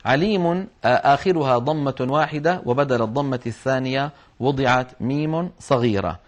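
A male teacher at an ordinary middle pitch talks through a lesson one point at a time. He slows down to chant short examples in a drawn-out voice, then goes back to plain explaining. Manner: patient step-by-step explaining, chanting examples slowly. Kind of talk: explanatory lesson on Quran orthography marks.

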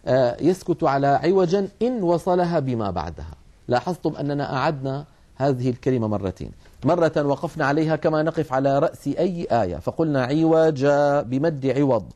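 A man giving a broadcast lesson on Quranic recitation rules, explaining calmly and slowing down to demonstrate passages. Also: on the high side.

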